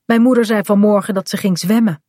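A woman's voice: mid-range voice, steady tone, a little fast, warm tone, no echo, clean studio sound, close to an everyday voice. A woman voicing a young boy in a children's storybook reading, a bit grumbly and mumbling. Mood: tired. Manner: mumbling, slightly sulky. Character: young boy, a bit grumpy, tired rower.

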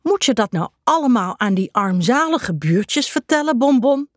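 A woman's voice: medium pitch, unhurried, a little mellow, no room sound, natural voice. Woman reading a haughty, touchy pedigree tomcat; storybook, dry sound. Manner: haughty, irritable. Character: snobbish, touchy male pedigree cat.

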